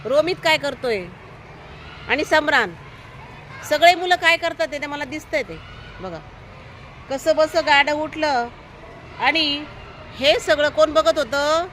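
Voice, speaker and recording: High, bright-voiced woman teaching children. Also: animated, a little slow, long pauses, slight background noise. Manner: asks the children constant questions, coaxing answers; gives firm, encouraging classroom instructions. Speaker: primary school teacher. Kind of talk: storytelling lesson with a class of children. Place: school, with outdoor traffic noise behind.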